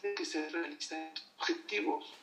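A man teaches a motivational class, speaking straight to his audience with lively energy. His voice sits a bit high for a man. He is heard from some distance in a roomy, echoing space. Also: moderate pace, soft background music. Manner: lively, addresses listeners directly, acts out quoted voices. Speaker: religious teacher giving a class. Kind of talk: motivational class streamed over video call.

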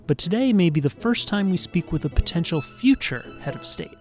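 A man hosts a policy podcast, with a voice a little higher than most men's. He reads his intro politely and asks questions in a measured way, tripping on a word now and then. Faint music plays underneath. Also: big pitch swings. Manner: polite and measured, with small stumbles when improvising. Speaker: podcast host. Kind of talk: scripted intro and interviewing.

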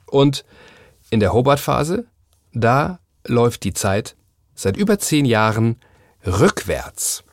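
A man's voice: medium pitch, sing-song, slow pace, pauses often, no room sound. Brief: male podcast host, casual and chatty with frequent filler sounds, dry close mic. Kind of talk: casual talk about a book.

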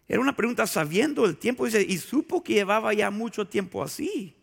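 Predicador de voz aguda y rasposa en una sala con eco. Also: male voice, high voice, animated, a little fast. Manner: conversational preaching with vivid storytelling and rhetorical questions. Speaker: pastor. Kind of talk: sermon. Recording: long hall reverb.

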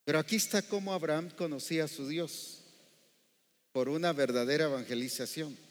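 This preacher's voice is on the high side and fairly quick as he delivers his sermon in church. He keeps putting rhetorical questions to the congregation, and the hall adds an echoing reverb.

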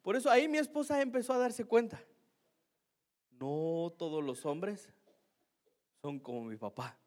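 Pastor guy joking about himself mid-sermon, keeps going "¿no?", voice a touch high. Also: expressive, a little slow, darkish tone. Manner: self-mocking, chatty, keeps asking "¿no?". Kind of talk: sermon with a humorous personal story.

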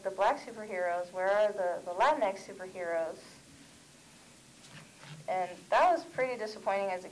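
A woman's voice: medium pitch, slight background noise, low-quality recording. A woman comic creator telling a personal story in a candid way on a convention panel.

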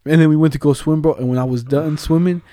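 A man's voice: on the high side, fairly even intonation, fast, mellow. A young adult man chatting casually and telling stories in a jokey, slangy, profanity-laced way. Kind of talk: casual chat, swapping stories.

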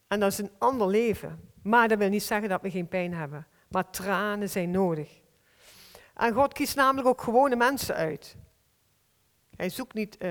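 A woman delivers a sermon in a heartfelt, earnest manner, stretching out important phrases. Her mid-pitched voice carries through a church hall with a long, trailing reverb. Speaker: preacher.

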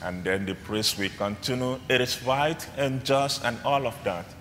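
A man preaching a sermon as a priest, in measured phrase-by-phrase delivery, his voice carrying a cathedral-like echo. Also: mid-range voice, fairly bright tone, slight background noise. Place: large church. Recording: long church reverb, faint room ambience.

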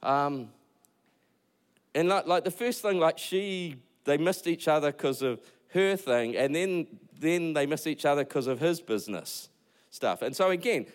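A man's voice: on the high side, smooth. A man with a New Zealand accent, a pastor preaching a casual sermon, acting out quotes in a joking, conversational way.

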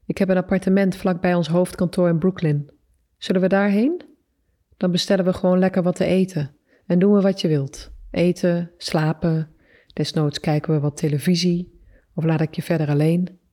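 A woman's voice: fairly low pitch, steady tone, moderate pace, warm tone, close to an everyday voice. Woman doing a serene, patient mother. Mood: gentle coaxing. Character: serene Buddhist mother, patient and self-assured.

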